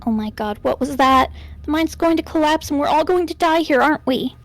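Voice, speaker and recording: A woman's voice: high voice, no room sound. A woman voicing a jittery, anxious young woman who frets and panics easily, in a fan voice drama. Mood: uneasy. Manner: nervous, fretful and quick to panic.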